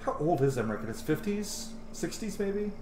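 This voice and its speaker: Game music and dialogue fill the noisy background as a man in his thirties, a streamer and video host, gives upbeat, casual let's-play commentary full of chatty asides. His voice is high-pitched and sing-song at a moderate pace, recorded in a roomy small room at home.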